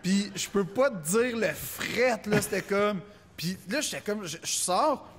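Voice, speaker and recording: A man's voice: sits high, a little slow, long reverb tail, a little hiss or hum. A man with a Québécois accent telling a stand-up story in casual chat, acting out the voices of the people in it. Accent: Québécois French. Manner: animated storyteller, acts out quotes.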